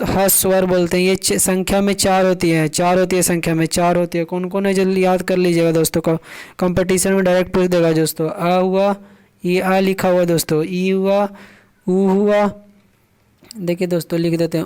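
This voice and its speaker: A man's voice: high-pitched, flat delivery, moderate pace, a little mellow, smooth. A man teaching a grammar lesson, often asking his viewers a question and then answering it himself while repeating key points.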